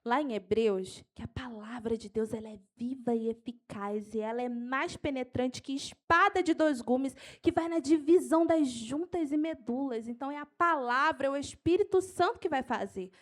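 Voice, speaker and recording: A woman evangelist teaching an evangelism training at church, animated and quick to get carried away, then slowing down to dictate Bible verses. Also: high voice. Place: church hall.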